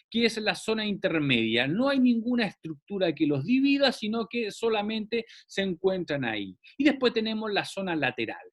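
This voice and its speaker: Guy lecturing a class, lively voice, explains stuff step by step and keeps asking if everyone's following. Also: high voice. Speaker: teacher.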